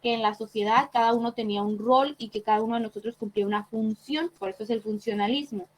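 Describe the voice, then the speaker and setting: A woman teaches an online class over a video call, explaining things patiently and checking in with short tag questions. Her voice is a little high and quick, picked up by a computer mic in a rough recording with slight hiss or hum.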